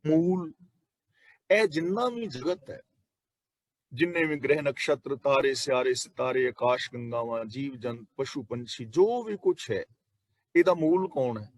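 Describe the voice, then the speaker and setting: A man explaining scripture as a preacher, reciting verses slowly and deliberately, then explaining them. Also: mid-range voice, animated, no echo. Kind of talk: scripture exposition.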